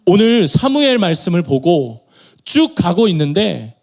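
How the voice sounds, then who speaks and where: A middle-aged male pastor delivering a sermon, rising into emphatic peaks and dropping into quiet, prayerful asides. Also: sits high, big pitch swings, a little slow, vocal fry.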